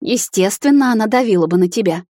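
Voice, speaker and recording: A woman voicing a fierce, protective vampire mother who snarls and shouts in rage, in a storybook reading. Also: mid-range voice, a little fast, breathy edge, dry recording, studio quality. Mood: furious.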